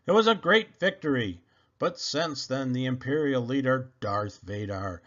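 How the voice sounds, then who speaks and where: A man with a mid-range, slightly bright voice reads a children's adventure story aloud from a script, dramatically emphasizing key phrases. The sound is dull and lo-fi.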